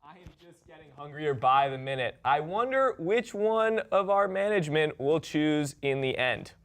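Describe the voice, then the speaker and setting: Young male student co-host reading goofy headlines in a pompous newscaster voice, slightly high, cracking up. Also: animated, normal speed. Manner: cold read, breaking into laughter. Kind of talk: mock news anchor reading.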